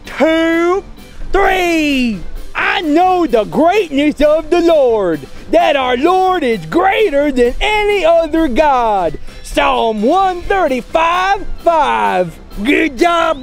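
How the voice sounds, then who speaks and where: A rowdy, exuberant children's lesson host with a very high voice. The delivery is folksy and drawn out, cheering the kids on slowly, with light music behind. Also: full character voice. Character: rowdy, high-pitched kids' show character named Buster who loves busting stuff. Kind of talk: scripted kids' church lesson.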